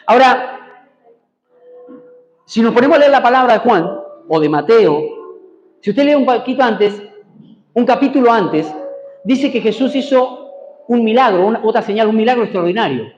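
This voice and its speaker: A man's voice: very high-pitched, animated, normal speed, pauses often, reverberant, lo-fi sound, a little hiss or hum. A man preaching a sermon in a church, prompting the congregation to repeat after him and answer amen. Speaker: pastor. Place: church hall.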